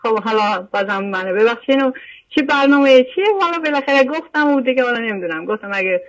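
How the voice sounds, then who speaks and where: A woman's voice: on the high side, lively intonation, dull audio. Older woman caller, earnest, repeats herself while recounting a story. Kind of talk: phone-in chat.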